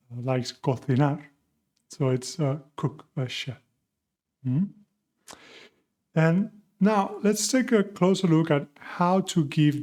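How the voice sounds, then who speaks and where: With a warm tone and medium pitch, the man teaches beginner Spanish, patiently asking questions that he then answers himself. He blends English and Spanish as he goes.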